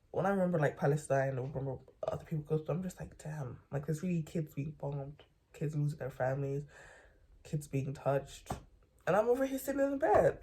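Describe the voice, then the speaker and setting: Young vlogger, mellow tone, loose rambling late-night monologue from bed, lots of slang and repeats. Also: medium pitch, husky.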